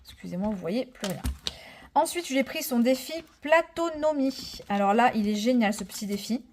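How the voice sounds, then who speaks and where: A woman in her thirties talks through her budget envelopes in a chatty, eager way, her voice sitting a little high. She fills pauses with little fillers and counts coins aloud. A faint hiss and soft clicks sit under her voice. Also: animated. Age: 30s. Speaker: budget vlogger. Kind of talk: casual budgeting vlog narration.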